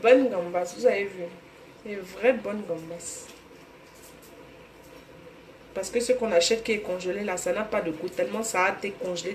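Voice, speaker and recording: A woman with a Cameroonian French accent hosting a live cooking stream, chatting casually and greeting viewers by name from her home kitchen. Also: on the low side. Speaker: cooking livestream host. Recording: roomy echo, faint room noise.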